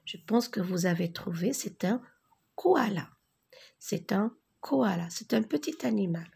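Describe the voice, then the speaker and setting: A woman's voice: mid-range voice, animated, moderate pace, vocal fry, warm tone, husky. A woman teaching a beginners' French reading lesson, carefully spelling out letters and syllables, with Arabic as her first language.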